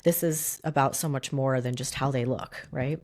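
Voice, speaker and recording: A middle-aged woman co-hosting a podcast in casual chat, a little nasal and raspy from a cold, chatty and prone to wandering off on tangents. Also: rumbling low, fairly even intonation, normal speed, darkish tone. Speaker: podcast co-host.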